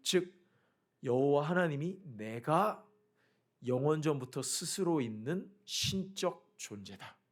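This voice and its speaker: A man preaching a sermon as pastor, emphatic, with loud declarations and quiet asides and frequent questions to the congregation. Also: on the high side, expressive, slow.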